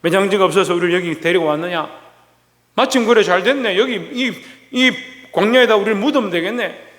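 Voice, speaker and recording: A man's voice: sits high, fairly quick, a bit bright, echoey room, long reverb tail. A man voicing a bitter, complaining Israelite man fleeing slavery, who grumbles sarcastically. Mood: bitter sarcasm.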